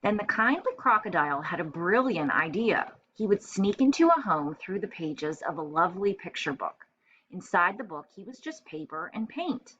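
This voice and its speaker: A fairly low, slightly rough voice with a fairly bright tone carries this teacher's sing-song storybook reading, delivered at a moderate pace. She reads expressively to first graders and adds simple explanations. The audio is a dull lo-fi home recording with faint noise.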